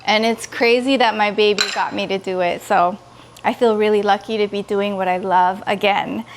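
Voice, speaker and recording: A woman from California in her thirties chatting casually to her vlog viewers in an expressive, gushing way. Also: mid-range voice, moderate pace, background noise. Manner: expressive, pleading and gushing, quotes others in dialogue. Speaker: vlogger.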